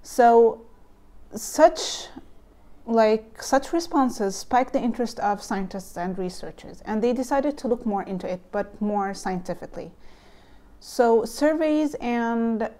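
Her voice is mellow, a little high, and expressive, and she speaks at a slow pace. This young Egyptian vlogger, a native Arabic speaker with an Egyptian Arabic accent, makes a casual explainer video, sounding nervous and thoughtful with frequent "um" and "like." She records indoors in a home room with bookshelves, using a lapel mic with the camera close.

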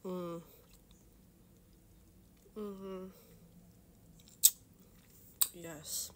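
A woman talking while chewing candy, softly murmuring "mm-hmm" between short remarks in a casual taste-test vlog. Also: fairly low pitch, fairly even intonation, drawn-out words, noisy background.

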